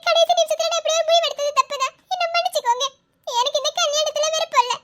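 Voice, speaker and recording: A tearful young bride from a cartoon story, done by a single voice actor. Her voice sits extremely high and thin, and she pleads and apologises as she reads out her letter. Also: racing, bright, forceful tone, dry recording, studio quality. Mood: pleading. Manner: reading her farewell letter aloud, pleading.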